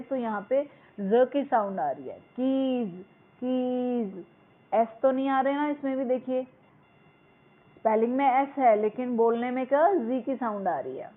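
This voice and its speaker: A woman teacher explains a school English lesson. She reads the English lines slowly and word by word, then explains them in Hindi. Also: fairly high pitch, lively intonation. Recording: tinny phone-like sound.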